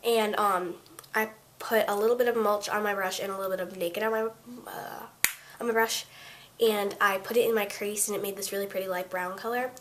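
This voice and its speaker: A woman's voice: mid-range voice, steady tone, brisk, a little hiss or hum. Stuffy-nosed teenage girl rambling through a tutorial. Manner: rambling, chatty, full of fillers and self-corrections. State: congested from a cold. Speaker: beauty vlogger. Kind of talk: casual makeup tutorial.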